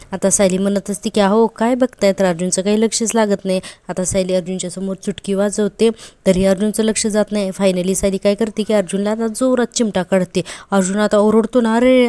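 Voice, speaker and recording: A woman's voice: mid-range voice, dark tone, dry recording. A woman retelling a TV serial episode in a chatty, casual way, quoting the characters' lines in her own voice and adding admiring asides. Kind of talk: casual episode recap narration.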